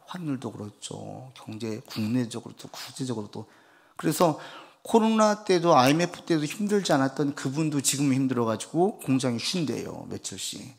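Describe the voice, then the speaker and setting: Man, pastor, Bible exposition sermon, animated acting out of lines, quiet earnest pleading. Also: medium pitch, vocal fry. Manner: animated preaching, acts out God's and parents' lines; drops to soft, quiet delivery when urging prayer.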